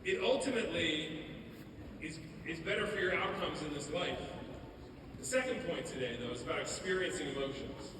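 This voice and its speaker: A man's voice: on the high side, normal speed. Man speaking in an echoey auditorium. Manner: storytelling, animated. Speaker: motivational speaker. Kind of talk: school assembly speech. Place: school auditorium. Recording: echoey hall from far off, background noise.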